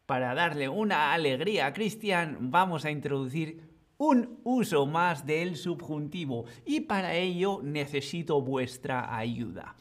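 A man's voice: on the high side, fairly bright tone. A man teaching a live-streamed grammar lesson, patient and playful, talking to his chat. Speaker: Spanish teacher.

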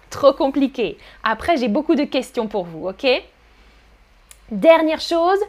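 A woman teaching French pronunciation in a live online lesson, articulating slowly and repeating words for learners, and encouraging them as she reads their chat comments. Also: on the high side.

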